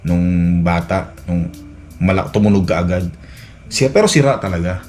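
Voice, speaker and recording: Isang lalaking vlogger na nakatira sa Canada at kaswal na nagkukuwento ng sariling karanasan, paulit-ulit na nauutal at maraming "ano". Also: male voice, deep voice, lively intonation, moderate pace, a little mellow. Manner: rambling, many restarts and fillers, acts out quoted dialogue. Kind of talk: casual storytelling vlog. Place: Edmonton, Canada. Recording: faint music behind.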